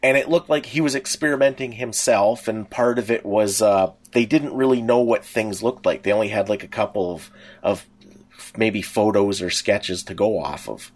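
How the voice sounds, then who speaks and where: With a lowish voice at normal speed, this middle-aged podcast co-host rambles through casual, nostalgic fan talk, frequently starting his sentences over.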